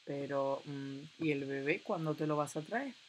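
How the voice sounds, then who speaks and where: A young woman, chatting excitedly and reading game options aloud as she plays. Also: low voice, moderate pace, slight background noise. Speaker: gameplay commentator. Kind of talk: casual let's-play commentary.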